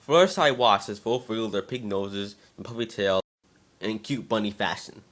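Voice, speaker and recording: In a fairly low voice at normal speed, a man narrates a fan-fiction tale with dramatic, expressive storytelling. Every so often he trips over his words.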